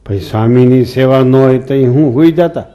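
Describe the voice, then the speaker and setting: A man's voice: medium pitch, normal speed, dark tone. A man giving a sermon as a swami, telling folksy stories and asking the listeners questions. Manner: folksy storytelling, asks the hall questions. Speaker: swami giving a scripture discourse.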